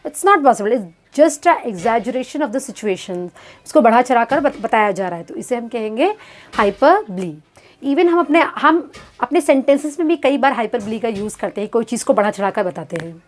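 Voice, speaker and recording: High-voiced woman teaching a grammar lesson. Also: expressive. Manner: explains step by step, asks and answers her own questions; reads English examples slowly and deliberately. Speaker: English teacher.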